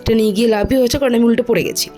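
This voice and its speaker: Brief: young woman travel vlogger, Bengali accent, rapid chatty delivery, slightly high voice, light music behind. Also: dark tone. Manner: chatty, addresses viewers directly. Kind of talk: casual travel vlog chat.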